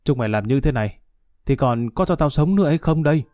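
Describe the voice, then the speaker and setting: A scheming company boss, read by a man, speaks, bellowing at his men and falsely polite to others. The voice is dark and mellow, and the recording is close and dry. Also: mid-range voice, expressive, quick pace, no echo, close to an everyday voice. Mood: raging. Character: scheming male company boss, two-faced.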